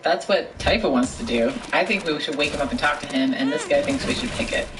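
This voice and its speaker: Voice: medium pitch, fairly quick. A player in a tabletop role-playing game, chatting casually and talking through choices with the group. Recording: distant mic with clear background noise.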